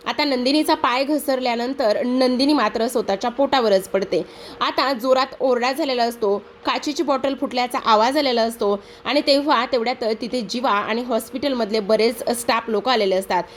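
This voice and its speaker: A woman's voice: a little high, slight background noise. Woman narrating a serial recap. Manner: brisk retelling with frequent hesitation sounds. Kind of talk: storytelling episode recap.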